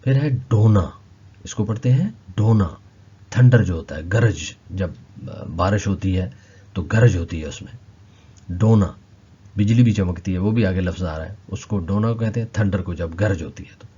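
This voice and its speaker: Male language teacher, low dark husky voice, patient word-by-word repetition, dull lo-fi recording. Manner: slow, repeats each word several times. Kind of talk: explaining vocabulary lesson.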